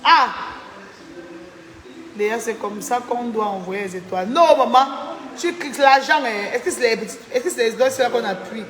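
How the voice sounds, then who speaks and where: A woman's voice: fairly high pitch, normal speed, reverberant, in a large hall. A tired woman chatting on a live stream, thanking viewers by name and venting about a falling-out. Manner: chatty, reads out viewer names, indignant. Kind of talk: casual live-stream chat.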